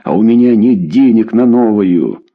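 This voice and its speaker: A man's voice: lowish voice, animated, normal speed, breathy edge, narrow, tinny audio. A male reader voicing an eager old husband who begs and pleads in a raised voice. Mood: pleading.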